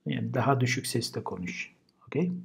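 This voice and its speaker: A man's voice: medium pitch, lively intonation, brisk, vocal fry, husky. A man teaching English vocabulary in a casual lesson. He says each word twice and then explains it. Turkish is his first language.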